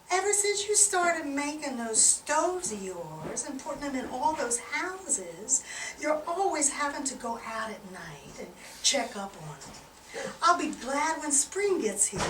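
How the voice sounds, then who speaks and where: A woman voicing a sassy, suspicious wife who teases her husband in a high, drawling voice, recorded from afar in a roomy hall. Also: sing-song, slow, background noise, heavily acted. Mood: wistful. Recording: roomy hall, far-off camera.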